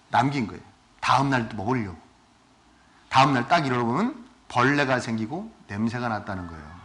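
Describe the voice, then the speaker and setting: A male pastor giving a sermon, asking his congregation questions and swinging between loud and soft. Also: sits high. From South Korea. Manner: asks the congregation questions often.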